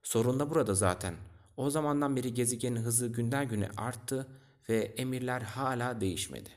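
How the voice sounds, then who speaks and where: A man's voice: medium pitch, fairly quick, close to an everyday voice. A man reading aloud, voicing a tired, resigned male lamplighter from a storybook who only wants to sleep. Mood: weary. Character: weary, sleepy male lamplighter bound to duty.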